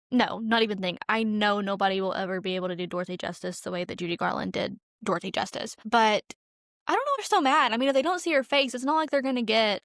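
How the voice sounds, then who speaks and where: In a clean studio recording with no room sound, a young adult podcast co-host talks about films casually and with emphasis, her medium-pitched voice fairly bright.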